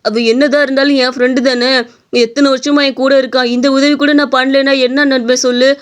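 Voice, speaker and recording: A woman voicing a generous, kind-hearted young man in an animated story, speaking gently and earnestly. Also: sits high, quick pace, clear, resonant tone, lightly acted.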